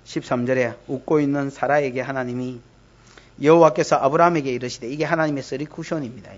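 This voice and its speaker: A woman pastor with a Gyeongsang accent preaching a lively, teasing sermon to her congregation during a church service. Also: rumbling low, quick pace, highs cut off. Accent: Gyeongsang Korean. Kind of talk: expository sermon.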